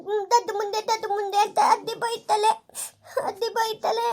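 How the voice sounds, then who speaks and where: A woman's voice: extremely high pitch, flat delivery, moderate pace, darkish tone, pitched above the performer's own voice. A woman voicing a cheerful little village girl who giggles and draws out her words. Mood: playful. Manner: giggly, sing-song and drawn out.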